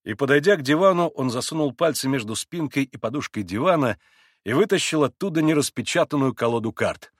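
A man narrating an audiobook in a dramatic, expressive reading. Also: medium pitch, brisk, no room sound, clean studio sound.

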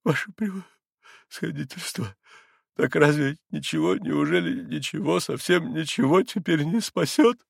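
A man's voice: a little high, lively intonation, measured pace, gravelly, slightly rough, no room sound, studio quality, voice pushed up, exaggerated voice. A man playing a frantic, pleading poor captain. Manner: pleading, breaking voice. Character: desperate poor middle-aged retired army captain.

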